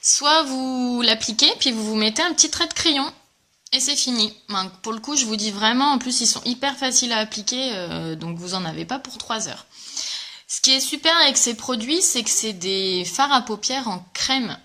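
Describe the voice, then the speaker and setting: Speaking at a normal speed in a slightly high, bright, forceful voice, a woman demonstrates makeup during a casual livestream. She welcomes viewers and talks with them enthusiastically, using many fillers.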